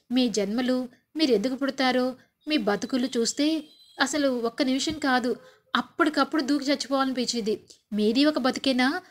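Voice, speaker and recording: A woman's voice: high voice, close to an everyday voice. A woman voicing a clever young wife who answers back with cutting, indignant retorts. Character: clever young wife, proud and quick-witted.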